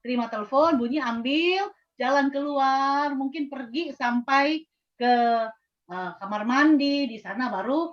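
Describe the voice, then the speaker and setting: A woman in a prayer group giving gentle advice over a video call. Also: high voice, a little slow, lo-fi sound.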